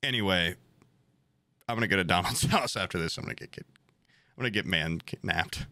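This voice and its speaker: A man's voice: low voice, fairly quick, pushed and bright, no room sound. A man co-hosting a podcast, chatting casually in a loose, rambling, profane way. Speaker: podcast co-host.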